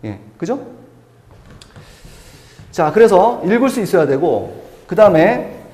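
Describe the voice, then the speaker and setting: This male math teacher speaks slowly in a high, sing-song, slightly mellow voice while lecturing his class. He stresses and repeats key words, asking questions only to answer them himself, and his voice rings through a classroom with long, echoing reverb.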